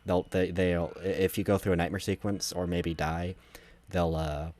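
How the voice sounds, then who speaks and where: Low-voiced man giving casual game commentary. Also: flat delivery, moderate pace, darkish tone. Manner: rambling, self-correcting, conversational. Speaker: gameplay commentator.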